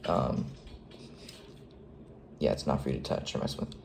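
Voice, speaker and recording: Hesitant male dispatcher, very deep fry-heavy voice, noisy recording with radio beeps. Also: measured pace. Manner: hesitant, frequent ums and restarts. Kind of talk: casual how-to tutorial.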